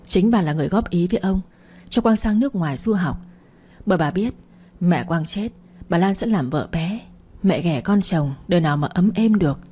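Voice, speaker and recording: A woman narrating a story in a steady, expressive storytelling manner. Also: lowish voice, normal speed, husky.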